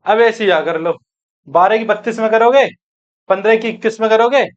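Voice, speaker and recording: A man with a high voice leads an exam-prep maths class. He works through each calculation aloud, quizzing the students and answering himself, and calls them friends and brothers. The sound is dull and muffled. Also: brisk. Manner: talks through calculations aloud, asking and answering his own questions. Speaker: maths teacher.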